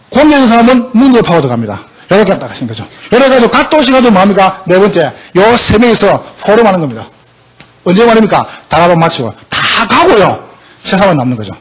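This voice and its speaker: A man's voice: very high voice, husky. A male pastor preaching a sermon emphatically, often asking the congregation questions.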